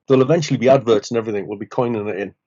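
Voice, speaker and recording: A man rambles through jokes in a casual chat over beers, restarting sentences and tacking on questions. His pitch sits in the middle range. The recording is dull and lo-fi. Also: very fast, dark tone. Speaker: social worker podcast co-host. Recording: muffled lo-fi recording.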